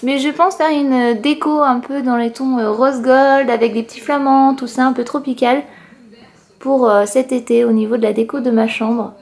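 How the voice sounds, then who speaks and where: A woman's voice: high-pitched, steady tone, normal speed, a little mellow. A young woman chatting casually to camera at home, enthusiastic, with many fillers. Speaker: family vlogger. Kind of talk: casual vlog chat to camera. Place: apartment at home, indoors.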